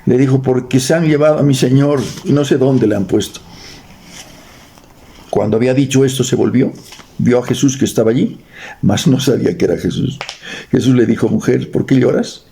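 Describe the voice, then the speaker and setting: With a brisk delivery, vocal fry and a dark, mid-range voice, this man preaches in church in Bolivian Spanish. He reads scripture aloud, throws in jokes and quizzes the congregation. Slight background noise is audible.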